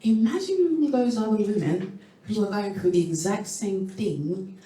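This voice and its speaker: A woman's voice: mid-range voice, a little slow. Candid woman host telling her story. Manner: candid, animated storytelling with acted-out quotes. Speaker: event host and founder. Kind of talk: personal story told to a live audience. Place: event venue room. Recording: echoey room, voice from far off.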